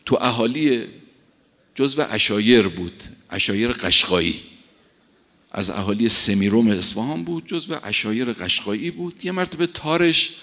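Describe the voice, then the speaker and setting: A male preacher delivering a sermon. His voice is medium in pitch. He swings between loud, emphatic declarations and soft, quiet asides. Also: animated.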